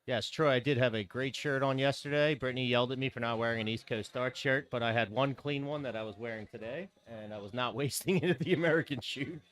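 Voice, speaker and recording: A man's voice: mid-range voice, fast, few pauses, a bit bright. A man giving casual, teasing live commentary on darts in colloquial, conversational language.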